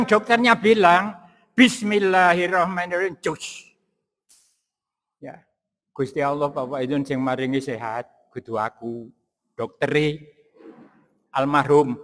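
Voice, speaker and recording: Older male preacher, Javanese accent, slow folksy sermon, echo of a big hall. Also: on the high side. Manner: folksy, switching to Arabic recitation. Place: large meeting hall.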